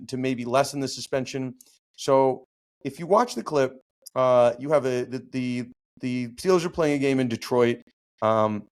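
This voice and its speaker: A man hosting a podcast and breaking down a sports law case. He talks at a middling pitch and explains step by step in an easy, chatty way. He often stops and restarts mid-sentence as he thinks out loud. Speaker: podcast host and law teacher. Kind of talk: casual legal commentary.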